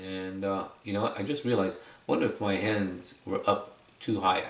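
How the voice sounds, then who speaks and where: Deep and fry-tinged at a normal speed, this video presenter's voice carries a casual product demonstration with no script. He explains conversationally, repeats phrases to stress points, and the distant microphone leaves a roomy echo.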